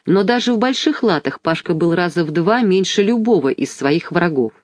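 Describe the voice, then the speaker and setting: A measured reader telling a children's story chapter by chapter, in an evenly paced narration. The recording is dry and close, with a mid-range voice. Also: medium pitch, expressive, no room sound. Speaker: audiobook reader. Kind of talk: scripted audiobook narration.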